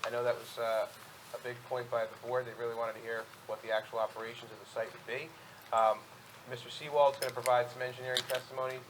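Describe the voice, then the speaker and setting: A man speaking as an attorney at a public hearing, presenting and questioning in a halting, methodical way. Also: mid-range voice, level tone, background noise. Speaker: attorney for an applicant. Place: public board meeting room.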